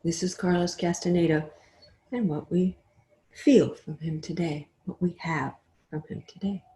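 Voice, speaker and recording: An older woman giving a webinar talk, telling stories expressively and often trailing off into a soft, quiet voice. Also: fairly low pitch, steady tone, measured pace. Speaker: webinar speaker. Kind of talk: storytelling talk. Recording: roomy echo.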